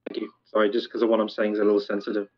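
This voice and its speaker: A man playing a police superior in a game roleplay, measured and firm yet apologetic. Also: on the low side, completely flat delivery, muffled recording.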